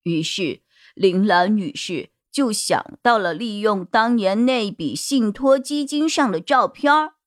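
A woman narrating a detective novel in an expressive storytelling manner. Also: mid-range voice, a little slow, dry recording, clean studio sound. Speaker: audiobook narrator.

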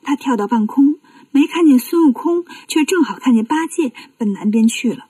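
Woman storyteller for children, expressive, close dry recording. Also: high voice, moderate pace, husky, no echo, far from the mic.

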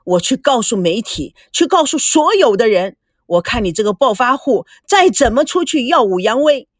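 A woman voicing a hysterical, wronged middle-aged wife and mother who wails shrill accusations, in a dry close recording. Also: sing-song, moderate pace, no echo. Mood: defiant.

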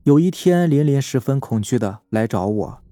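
A male podcast host narrating a first-person horror story in a calm, measured, suspenseful way. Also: mid-range voice, dry recording. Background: faint eerie background music.

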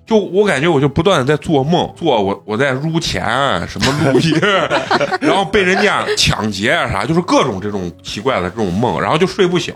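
Lively, husky Xi'an man telling stories. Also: medium pitch, brisk, hardly any pauses, faint music behind. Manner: animated, laughs often while telling stories. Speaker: podcast host. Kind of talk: casual storytelling chat.

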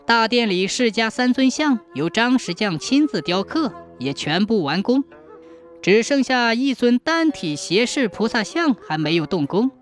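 Animated storyteller narrating a folk tale. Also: medium pitch. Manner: dramatic, expressive.

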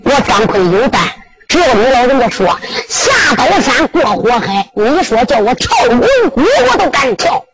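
A woman's voice: fairly high pitch, sing-song, moderate pace, loud music behind the voice, rough recording. Woman doing a humble pleading young warrior. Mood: humble vow. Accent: Henan. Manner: pleading, deferential.

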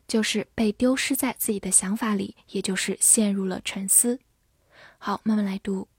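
Woman, calm vocabulary teacher, slow, deliberate delivery, dry close-mic sound. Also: medium pitch, dry recording. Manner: clear, measured, slows down for model sentences. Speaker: English teacher. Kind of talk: scripted vocabulary lesson.

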